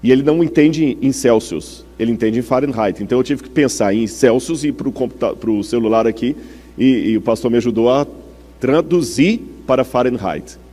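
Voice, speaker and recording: A man's voice: mid-range voice, fairly quick, mellow. A man with a Brazilian Portuguese accent preaching a teaching sermon to a congregation. He explains step by step and often checks in with his listeners through questions. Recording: long hall reverb.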